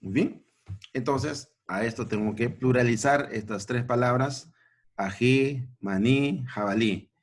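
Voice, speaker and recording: A man teaching a grammar lesson at a board, repeating points and checking in with short questions. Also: mid-range voice. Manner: slow, repetitive, checking in with "¿no?" and "¿ya?".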